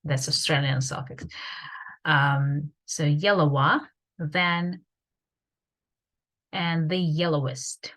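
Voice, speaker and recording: Slow, deliberate woman teaching grammar. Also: sits low, fairly even intonation, fairly bright tone. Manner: slow, deliberate explanations with many fillers. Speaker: English teacher. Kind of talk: online grammar lesson. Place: home.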